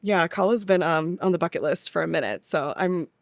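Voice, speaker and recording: On the low side and a little fast, a young American woman shares casual stories as a podcast guest, in the style of a touring theatre actress. It's clean studio audio without room sound.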